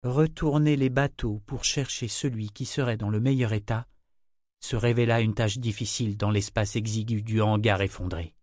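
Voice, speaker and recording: A man reading a novel aloud as narrator, in an even, measured way. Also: fairly low pitch, no room sound, clean studio sound. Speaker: audiobook narrator. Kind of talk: scripted narration.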